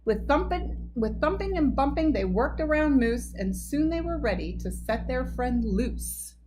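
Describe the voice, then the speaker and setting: A woman reads a picture book aloud at bedtime and stops often to explain it gently to children. Her voice sits high and swings widely in pitch. A faint hum sits behind her. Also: lively intonation, unhurried.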